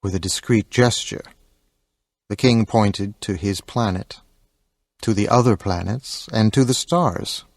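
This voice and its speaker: Low, husky male narrator. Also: unhurried, darkish tone, no room sound. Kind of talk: audiobook narration.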